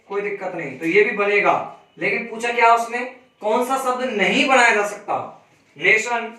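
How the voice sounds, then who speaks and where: A man teaching a reasoning class, spelling out letters slowly and asking students questions he then answers himself. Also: high voice, bright, forceful tone, distant mic. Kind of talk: classroom lesson. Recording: echoey room, voice from off-mic.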